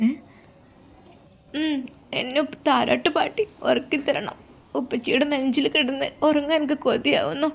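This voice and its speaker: A small, tearful girl who begs for her father in a high, pleading voice, as a woman puts her on. The voice rises well above the storyteller's own and keeps a wistful ache through every line. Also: fairly even intonation, moderate pace, creaky, pauses often. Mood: tender.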